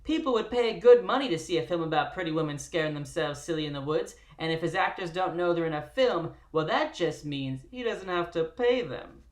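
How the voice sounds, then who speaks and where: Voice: medium pitch, animated, a little fast, hardly any pauses, roomy sound, lightly acted. Host putting on a theatrical 1920s radio announcer. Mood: dramatic. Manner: theatrical, punchy announcer delivery. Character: old-timey 1920s radio announcer narrator.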